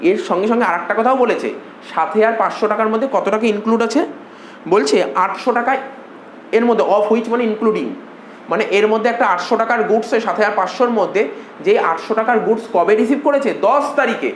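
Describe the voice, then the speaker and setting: In an echoey room with a faint hum, a male accounting tutor lectures a class a little fast, his voice sitting high. He coaxes his students along, repeats points often and keeps asking them questions.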